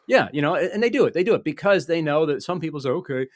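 A man in his forties joins a video call as a guest in a conversational interview, explaining investing with many restarts and fillers. His voice is on the high side, animated and racing. Using a desk microphone in a small wall-panelled office, the studio-quality audio has no room sound.

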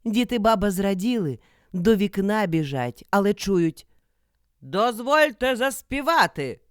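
Expressive Ukrainian woman reading a fairy tale. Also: mid-range voice, measured pace, clear, resonant tone, dry recording, clean studio sound. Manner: expressive, dramatic storytelling. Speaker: actress narrator. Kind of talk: storybook reading.

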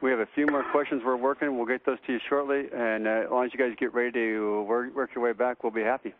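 A man at mission control talks quickly and procedurally over a narrow, phone-like radio link to orbit. His voice sits in a middle register, clipped by the thin transmission sound. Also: mid-range voice, steady tone, slight background noise. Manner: brisk, procedural. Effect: space-to-ground radio transmission.

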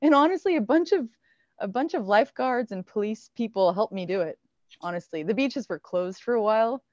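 A woman in her thirties, a marine researcher, answering questions on a video call, lively and full of fillers and laughs. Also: on the high side, a little fast, no room sound. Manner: animated, laughs often, many fillers. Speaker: marine researcher guest speaker. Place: small indoor lab room. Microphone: wired earbuds on a video call. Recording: dull, dry video call audio.

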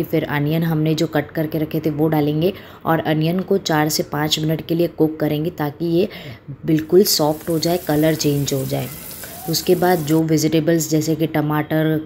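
A woman in her thirties hosts a home cooking show, walking through a recipe step by step in her small home kitchen. Her voice sits low and mellow, with slight background noise. She keeps it easy and homely, using fillers throughout this casual demonstration.

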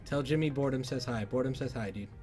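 Male livestream host, mid pitch, loose casual chat, faint music behind. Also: fast. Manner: loose and chatty, bursts of loud excitement. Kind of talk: casual livestream chat, reading viewer comments. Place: PC workshop.

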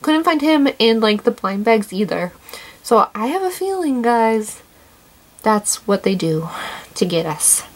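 A young woman hosting a casual toy unboxing, gushing and excitable, always saying how cute things are. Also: a little high, unhurried.

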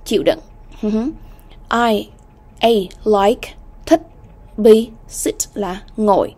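A woman with a mellow, medium-pitched voice teaches an English exam-prep lesson, slowly repeating English words and often checking in with her students.

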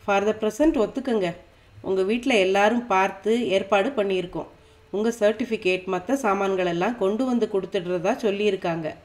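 Calm, matter-of-fact woman friend, reassuring, read by a female narrator. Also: mid-range voice, moderate pace, lightly acted.

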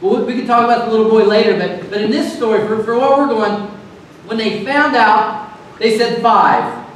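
A man preaching a sermon in a church, talking in a conversational, animated way and acting out little scenes. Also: sits high, a little fast, slight background noise. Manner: conversational, animated, acts out voices with laughs. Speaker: pastor. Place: church sanctuary. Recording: very echoey church hall, mic at a distance.

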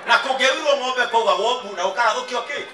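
Pastor guy, high and sharp, yells his sermon, roomy tent sound, sits a bit far from the mic. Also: quick pace, over music, a crowd in the background. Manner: switches from storytelling to shouted preaching. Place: large outdoor tent church. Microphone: handheld mic, pacing the stage.

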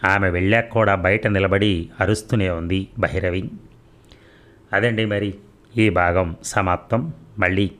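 A man narrating a serialized audio story in an even storytelling manner. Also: sits low, measured pace, pauses often.

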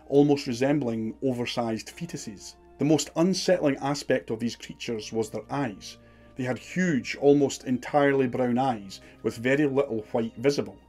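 A man's voice: mid-range voice, darkish tone. A man giving scripted documentary narration in a dramatic, suspenseful storytelling manner.

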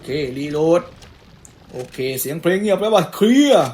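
A gaming YouTuber, a young man with a high, animated, slightly mellow voice, casually commentates his let's-play at normal speed. He playfully teases the enemies as he goes.

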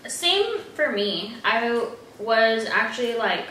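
A woman's voice: a little high, slow pace, distant mic, slight background noise. Young woman chatting over food in an echoey room. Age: young adult. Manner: relaxed, chatty, with frequent fillers. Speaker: vlogger and hairstylist. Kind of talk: casual chat over a meal. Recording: roomy echo from off-mic.

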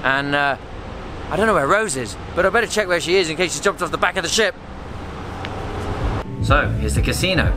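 A man's voice: a little high, quick pace, background noise. A young man presenting a casual vlog to camera on location, talking in a chatty, jokey way. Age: young adult. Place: inside a ship and out on its deck.

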